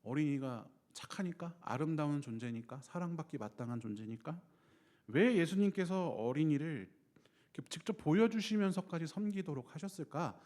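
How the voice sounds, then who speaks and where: A male pastor delivers a sermon in a slightly raised voice. His pitch rises and falls a great deal. He acts out the lines he quotes with lively emphasis. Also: moderate pace.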